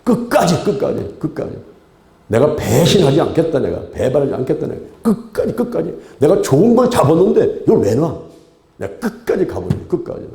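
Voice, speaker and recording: A man's voice: on the high side, sing-song, brisk, gravelly, mellow. A male pastor preaching a sermon emphatically, repeating phrases and throwing rhetorical questions to the congregation. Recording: roomy church hall echo.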